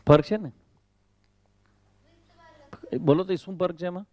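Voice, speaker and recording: Slow, precise man drilling pronunciation. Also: sits high, a little mellow, no echo. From Kutch, Gujarat. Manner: corrective, drills syllables repeatedly; mixes in English phrases. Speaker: swami teaching Gita recitation. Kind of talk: Sanskrit pronunciation class.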